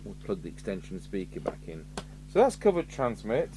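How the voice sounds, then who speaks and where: A British radio repair vlogger thinks aloud matter-of-factly while demonstrating hands-on at his indoor workbench. His voice is lowish and brisk, heard over music in a noisy recording with a steady hum.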